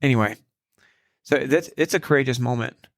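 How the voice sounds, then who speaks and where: A man's voice: mid-range voice, moderate pace, dry recording, clean studio sound. A man co-hosting a church podcast, discussing a Bible passage casually and thinking aloud with many fillers.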